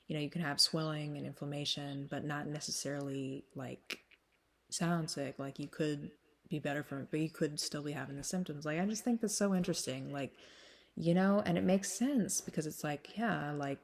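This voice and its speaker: A vlogger with a deep, smoky, slightly hoarse voice is still recovering from a cold and sounds congested in her sinuses. She rambles casually to her followers, drifting back and forth, laughing often and leaning heavily on fillers.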